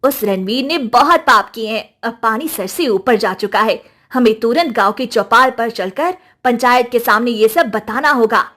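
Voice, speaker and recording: An actress playing a brave young village sister who speaks eagerly and pleads for justice. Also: female voice, a little high, normal speed, hardly any pauses, bright, forceful tone. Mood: determined.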